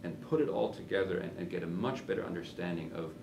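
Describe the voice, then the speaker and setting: Low gravelly guy, thoughtful, kinda far off, echoey and noisy. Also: expressive, quick pace. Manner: thoughtful, searching for words. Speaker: sea ice researcher. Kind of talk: interview. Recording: roomy, distant mic with noise.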